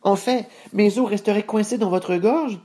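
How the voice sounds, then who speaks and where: A man voicing the middle billy goat brother, calm, assured and persuasive. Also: high voice, normal speed, pitched above the performer's own voice.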